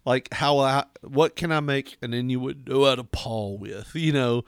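A man's voice: mid-range voice, fairly even intonation, unhurried, clean tone, no room sound, studio quality. A man co-hosting a casual podcast, trading crude jokes, laughing often and slipping into silly voices. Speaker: podcast co-host.

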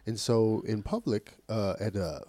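Man with a dark, dry voice chatting. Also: fairly low pitch, a little slow, no room sound. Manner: animated, profane storytelling with frequent restarts. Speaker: podcast co-host. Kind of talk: casual chat.

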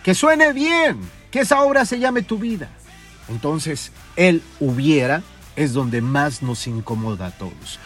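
A man's voice: on the high side, big pitch swings, a little slow, fairly bright tone, faint music behind. A man hosting a podcast, delivering a profane, scolding motivational rant and mocking his listeners. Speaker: podcast host. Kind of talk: ranting motivational monologue.

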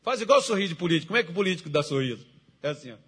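A middle-aged man preaching a sermon as pastor, moving from hushed storytelling to shouted exhortation. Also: on the high side, big pitch swings, racing, slightly rough.

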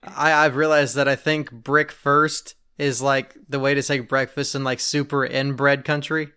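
Joking bright-voiced podcast co-host. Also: male voice, medium pitch, a little slow, clean tone. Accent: Oklahoma. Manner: jokey, deadpan one-liners, swears casually. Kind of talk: casual comedic chat.

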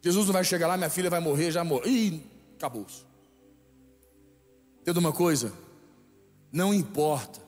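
High-voiced Brazilian preacher in an echoey hall. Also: male voice, normal speed, pauses often, darkish tone. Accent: Brazilian Portuguese. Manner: emphatic, repeats lines for the congregation to echo. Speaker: bishop preaching. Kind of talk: sermon. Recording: echoey hall with faint music.

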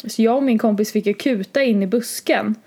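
A woman's voice: a little high, a little mellow. A young woman co-hosting a podcast, telling a long story in casual chat, full of fillers. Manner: rambling, many fillers like "liksom" and "typ". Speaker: podcast co-host.

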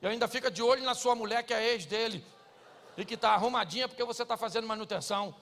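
Brazilian male pastor, 40s, raised pitch with a rough fry, comedic preacher who acts out characters. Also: fast talker, a bit bright, big-room sound, slight background noise. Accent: Brazilian Portuguese. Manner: joking, acts out quoted people in dialogue. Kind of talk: humorous sermon.

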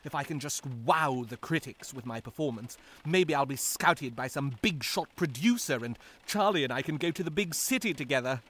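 A man's voice: mid-range voice, expressive, moderate pace, few pauses, fairly bright tone, slight background noise, close to an everyday voice. An actor playing a self-important young amateur actor who schemes his way into the lead role. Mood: scheming. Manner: grandiose, showy.

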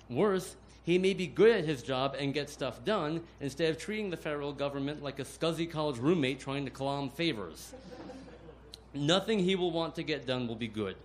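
A man's voice: medium pitch, slight background noise. Sardonic man reading a stage op-ed. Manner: sardonic, pointed delivery. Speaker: comedy op-ed writer. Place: live show on stage.

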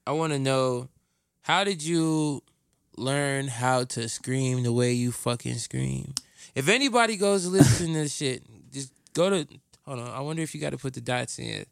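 A man's voice: mid-range voice, normal speed, gravelly, smooth, no room sound, studio quality. A man hosting a podcast in casual chat, profane and laid-back, laughing often. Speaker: podcast host.

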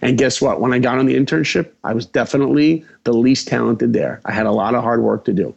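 Gravelly man telling lively stories. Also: mid-range voice, quick pace, highs cut off. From New York. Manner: acts out dialogue, lively. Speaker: guest animator. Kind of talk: animated storytelling.

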